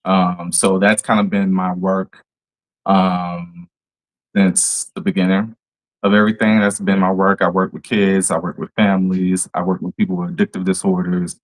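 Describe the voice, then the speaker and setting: A man from New Orleans with a New Orleans accent, a therapist talking as a podcast guest in a measured way. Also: sits low, flat delivery, rough recording. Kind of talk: casual podcast conversation.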